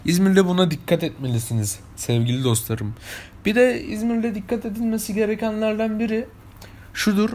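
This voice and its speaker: A young vlogger from İzmir, Turkey, speaking with an İzmir Turkish accent, tells anecdotes to his viewers in a chatty, casual monologue. His voice sits high, brisk and a little mellow, with a little hiss or hum in the recording.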